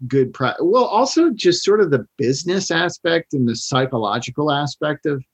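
A middle-aged man interviewing an actress, chatting in a relaxed way with plenty of fillers. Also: fairly high pitch, moderate pace, husky. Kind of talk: casual interview chat.

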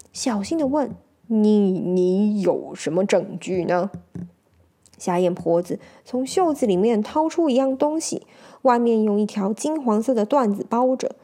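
A woman narrates a classic courtroom tale with expressive delivery. Her voice sits in a middle pitch. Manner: expressive, lively storytelling. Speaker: storyteller.

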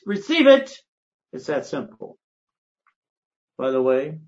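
An older man, a credit consultant, giving an emphatic, preachy motivational monologue that swings between loud and hushed. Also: mid-range voice, highs cut off.

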